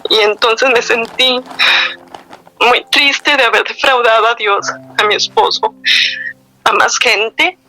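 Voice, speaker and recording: Bright-voiced woman giving testimony. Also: a little high, takes it slowly, pauses often, faint music behind. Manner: earnest, heartfelt storytelling with frequent restarts. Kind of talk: personal faith testimony.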